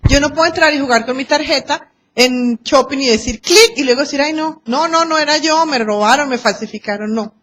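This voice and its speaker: A Colombian woman lecturing a class on arbitration, lively and acting out quoted exchanges and anecdotes. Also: high voice, a little fast, hardly any pauses.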